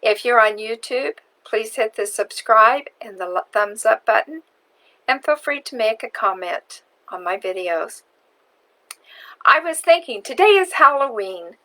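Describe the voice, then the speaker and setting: Bright-voiced woman telling a story slowly. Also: fairly high pitch, lively intonation, poor audio. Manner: slow, deliberate storyteller. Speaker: marketing video host. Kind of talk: storytelling vlog.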